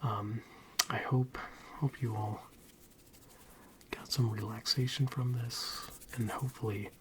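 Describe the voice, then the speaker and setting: A man speaks in a soft, breathy half-whisper at a middling pitch, like a soothing ASMR creator. He rambles gently and hesitantly. There is light ambient noise behind the voice. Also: fairly even intonation, takes it slowly.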